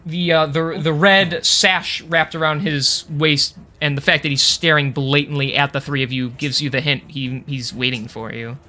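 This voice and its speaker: A man narrating a tabletop game as game master, improvising casually and haltingly. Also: fairly high pitch, fairly even intonation, bright, forceful tone.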